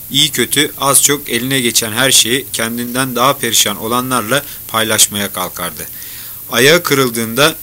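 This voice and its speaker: A man reading a novel aloud in a measured storytelling manner. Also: mid-range voice, pushed and bright, a little hiss or hum. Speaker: audiobook narrator. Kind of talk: scripted novel narration.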